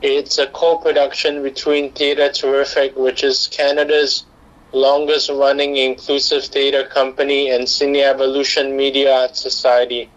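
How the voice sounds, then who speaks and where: A man's voice: mid-range voice, completely flat delivery, a little slow, lo-fi sound. A middle-aged man from Singapore, a director and writer, giving long, earnest answers with frequent restarts in a radio interview. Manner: earnest, talks at length with many restarts.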